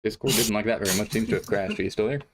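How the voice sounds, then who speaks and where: A man's voice: lowish voice, racing, slightly rough. A man hosting an esports stream, chatting casually and wryly while sorting out audio problems. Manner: easygoing, wry. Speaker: esports tournament caster. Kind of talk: casual pre-show chat while fixing stream audio. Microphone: desk mic at a streaming setup.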